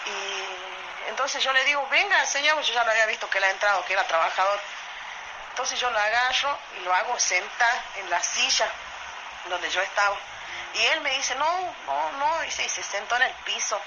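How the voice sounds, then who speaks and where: A woman with an Argentine accent from Salta, telling a true story in a voice message in a lively way, often asking "¿viste?". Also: mid-range voice, moderate pace. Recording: muffled voice message with loud noise.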